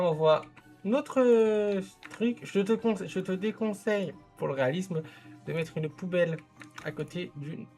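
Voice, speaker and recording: A game content creator reviews a viewer's zoo in casual gameplay commentary, offering building tips straight to the viewer and correcting himself along the way. He is chatty, with a fairly high-pitched voice.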